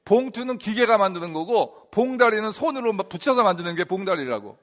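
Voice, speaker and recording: A man voicing an older male village head who speaks in a slow, pondering, plain-spoken way. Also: high voice, very animated, voice pushed up.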